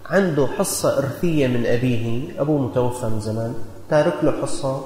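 A man's voice: medium pitch, brisk, dark tone. A man with a Damascene Syrian accent preaching a sermon, telling stories in an earnest, folksy way and exhorting his listeners. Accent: Damascene Syrian Arabic. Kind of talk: sermon with storytelling. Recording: echoey hall with long reverb.

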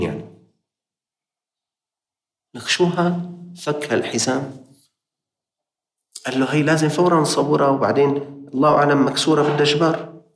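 A man's voice: medium pitch, echoey room. A man with a Levantine Arabic accent preaching a sermon, appealing directly and passionately to his listeners.

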